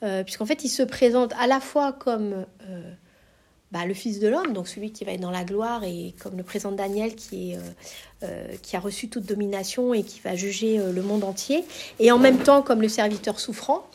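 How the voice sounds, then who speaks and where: A woman's voice: medium pitch, normal speed, darkish tone, breathy edge. Woman teaching a bible class, lots of um and restarts, casual and unscripted. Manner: hesitant, many fillers and restarts.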